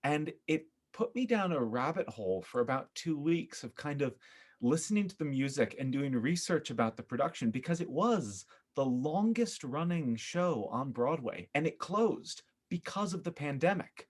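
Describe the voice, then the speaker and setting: Appearing as a podcast guest, this American man from upstate New York has a fairly high-pitched voice and a moderate pace. His casual storytelling comes across as animated, opinionated, and emphatic.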